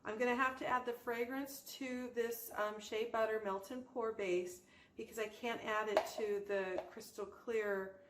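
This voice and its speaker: A woman's voice: a little high, steady tone, a little slow, a bit bright. A woman hosting a casual crafting tutorial, explaining informally step by step as she works. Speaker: host of a soap-making tutorial channel. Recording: roomy echo, faint background noise.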